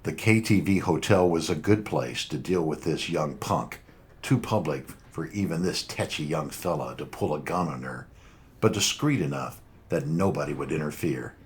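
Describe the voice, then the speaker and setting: A man with an extremely deep voice narrates a noir audiobook. He reads in a measured, dry storytelling manner. A faint noise sits under the recording. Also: expressive.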